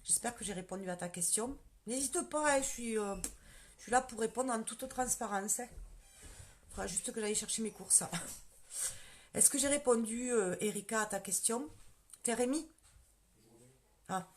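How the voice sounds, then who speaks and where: A woman's voice: a little high, normal speed, pauses often, slight background noise. A woman with a strong southern French countryside accent, chatting casually on a live stream, answering viewers' questions about her sales work and greeting commenters by name. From southern France. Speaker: beauty sales consultant.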